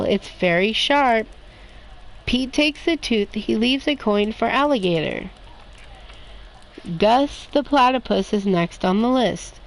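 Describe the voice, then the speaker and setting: A woman reading children's picture books aloud in a slow, expressive storytime manner. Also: on the high side, rough recording. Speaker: storybook reader.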